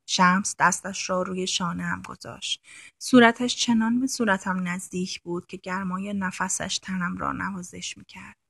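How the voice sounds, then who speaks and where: Husky woman reading a novel aloud. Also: medium pitch, no room sound, clean studio sound. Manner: calm storytelling reading, slow and intimate. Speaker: audiobook narrator. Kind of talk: scripted narration.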